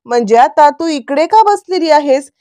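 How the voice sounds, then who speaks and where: A woman playing a caring family woman in a serial recap, high-pitched and gentle. She questions softly and repeatedly out of worry. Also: expressive, moderate pace. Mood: worried.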